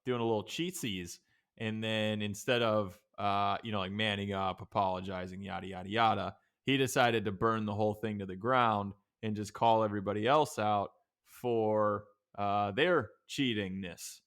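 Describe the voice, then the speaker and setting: Young man, podcast co-host, laid-back rambling chat, lowish smooth voice. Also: steady tone, normal speed, a bit bright. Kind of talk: casual chat.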